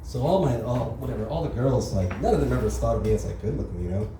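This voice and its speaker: A young man from the Los Angeles area does a crude, casual open mic stand-up set, talking fast at a medium pitch and tagging lines with "you know" and "right." He's heard from far off on a comedy club stage, through a distant mic in an echoey room with audible noise.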